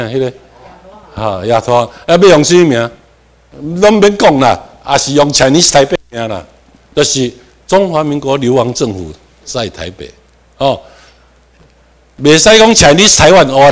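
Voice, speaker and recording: This is a man with a Taiwanese accent giving a lecture to a class. His voice sits a little high for a man and swings up sharply whenever he stresses a point. He moves between Hokkien and Mandarin with English words mixed in. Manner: animated, with sudden rises in pitch and volume for emphasis. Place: lecture room.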